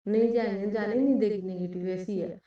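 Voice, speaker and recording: A woman's voice: mid-range voice, steady tone, a little fast. A middle-aged woman telling a rambling story of her own to a congregation, quoting family members and restarting her sentences. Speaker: devotee sharing a testimony. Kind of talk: spoken testimony to a congregation. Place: large echoey hall. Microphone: far from the microphone. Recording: echoey hall from far off, dull.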